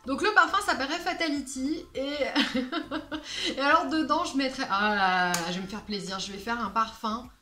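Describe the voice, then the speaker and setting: A woman's voice: sits high, normal speed, sharp tone. A woman chatting casually as a perfume vlogger, playful and self-mocking, with many fillers. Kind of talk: casual vlog chat. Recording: echoey room with faint music.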